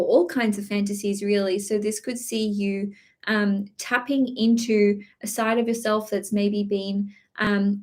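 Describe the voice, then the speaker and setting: A woman's voice: medium pitch, a little mellow. Woman astrology streamer, chatty, lots of fillers, slight cough. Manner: chatty, many fillers and restarts. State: slight cough, throat clearing. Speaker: astrology reader. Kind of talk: live-streamed horoscope reading.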